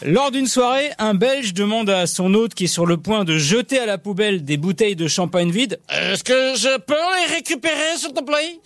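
A man on a game show panel tells a short joke and laughs along. His voice is very high and lively. The sound is dry and close. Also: normal speed, hardly any pauses, dry recording. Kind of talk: telling a joke.

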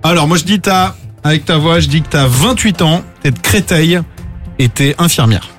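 A male radio host on a studio mic, running a call-in game with brisk, upbeat patter. His voice sits a touch higher than most men's, with faint music under it. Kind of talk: radio game show banter.

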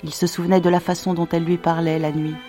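A woman reading a novel aloud at a slow, measured, gentle pace. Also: lowish voice, little pitch movement, soft background music. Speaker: audiobook narrator. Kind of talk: slow scripted literary narration.

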